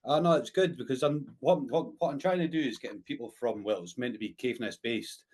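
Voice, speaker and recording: Hesitant Scottish Highland man hosting a podcast. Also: fairly quick, a little mellow, husky. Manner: hesitant, frequent "eh" tags and repeated words. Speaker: podcast host. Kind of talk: casual interview chat.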